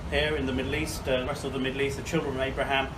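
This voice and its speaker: A man from Bangladesh giving a measured video monologue outdoors by the sea, pausing often with fillers. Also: medium pitch, level tone. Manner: measured, frequent filler pauses. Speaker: commentator. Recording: distant mic with clear background noise.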